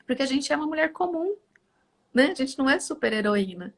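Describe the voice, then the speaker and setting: With a high-pitched voice and a slightly quick pace, a middle-aged live host keeps things casual and lively. She brings family dialogue to life by acting out each part.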